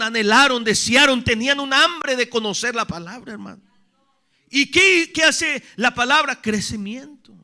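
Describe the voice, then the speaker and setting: A male pastor delivering a sermon in a high, bright voice. He asks rhetorical questions, addresses listeners as brother, and alternates between loud emphatic stretches and low, quiet ones.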